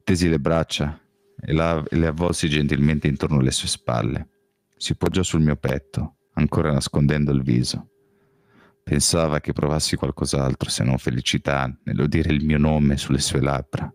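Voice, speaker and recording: A man reading a novel aloud as an audiobook, in first-person narration with a measured, calm delivery. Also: very deep voice, no echo. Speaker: audiobook reader.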